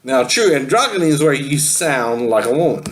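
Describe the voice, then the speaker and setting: A man gives a casual spoken singing lesson, rambling, laughing often and repeatedly asking "right?" to make sure the listener is following. His medium-pitched voice has huge pitch swings at a moderate pace, and the audio quality is poor.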